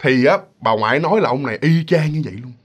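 A man with a Southern Vietnamese accent telling a ghost story in a casual, animated way, often addressing listeners directly. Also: medium pitch, quick pace.

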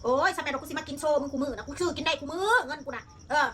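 A woman's voice: high-pitched, racing, fairly bright tone, slight background noise. A woman with an Isan Thai accent chatting casually and bluntly in coarse, informal speech. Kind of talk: casual chat.

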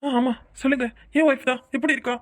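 A woman's voice: high voice, steady tone, fast, no room sound, studio quality, lightly acted. A woman voicing a devoted young husband in a cartoon who begs desperately to save his wife, with a southern Tamil Nadu accent. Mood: anxious pleading. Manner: begging, emotional.

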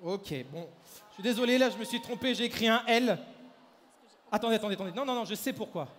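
Male stage mentalist, high voice, brisk crowd-directing delivery; handheld mic in a reverberant hall. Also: a bit bright, a little hiss or hum. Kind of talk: live stage mind-reading show. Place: large hall at a fair. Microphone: handheld microphone. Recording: echoey hall, faint crowd ambience.

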